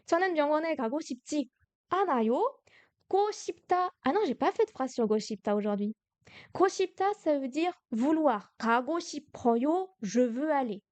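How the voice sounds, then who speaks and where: High-voiced woman teaching Korean. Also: dry recording. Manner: patient, explains step by step. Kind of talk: livestream lesson.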